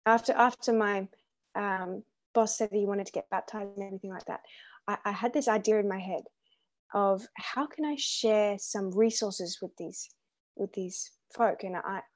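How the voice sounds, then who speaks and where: A woman's voice: mid-range voice, fairly even intonation, moderate pace. A young woman hosting a faith podcast, talking earnestly and encouragingly, with frequent ums and restarts. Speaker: podcast host. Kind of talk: casual faith podcast chat.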